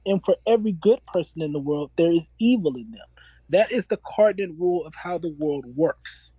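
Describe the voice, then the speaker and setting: A man's voice: fairly high pitch, animated, brisk, husky, dry recording, lo-fi sound. Earnest preachy man in his forties. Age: 40s. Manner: earnest, preachy, repeats key phrases. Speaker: self-described minister and philosopher. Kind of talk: casual interview talk.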